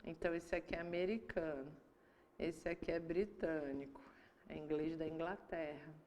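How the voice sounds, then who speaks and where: A woman's voice: low-pitched, fairly even intonation, normal speed, darkish tone, slight background noise. Woman, Brazilian accent, exam-prep English teacher, explains examples patiently. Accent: Brazilian Portuguese. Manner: explains step by step, reads English examples aloud then translates. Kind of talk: online exam-prep lesson.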